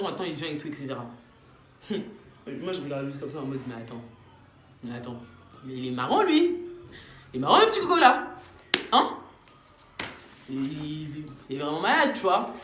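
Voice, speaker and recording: Animated young woman telling a story. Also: on the low side, a little hiss or hum. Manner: animated, slangy, acts out quotes. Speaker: vlogger. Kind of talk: casual storytime. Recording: echoey room.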